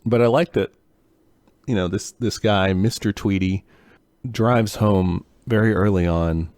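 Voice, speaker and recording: A man's voice: fairly low pitch, a little slow, no echo. A man co-hosting a podcast, tired today, chatting casually and laughing often. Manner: laughs often, relaxed and musing. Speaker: podcast co-host. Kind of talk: casual chat.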